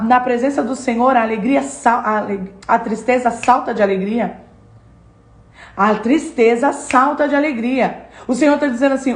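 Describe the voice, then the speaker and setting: A woman with a high, slightly mellow voice delivers a devotional sermon-lesson in a roomy-sounding space. She speaks emphatically, repeats phrases, and talks straight to the listener as a devotional teacher.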